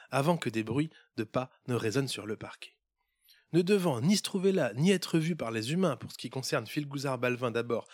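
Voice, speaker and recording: A man's voice: mid-range voice, no echo, clean studio sound. A man hosting a podcast who narrates a Christmas storybook tale in a playful way, with running gags. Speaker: podcast host.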